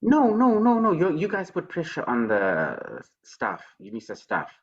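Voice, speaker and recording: A man's voice: a little high, wildly swooping pitch, measured pace, husky, muffled recording. A man lecturing on programming over a video call, playful, repeating his words and teasing himself with mock self-praise. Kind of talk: online tutoring session.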